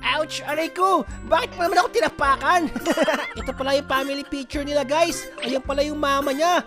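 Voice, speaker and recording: A woman hosting her gaming channel, giving excitable let's-play commentary and giggling often. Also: sits high, brisk. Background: background music.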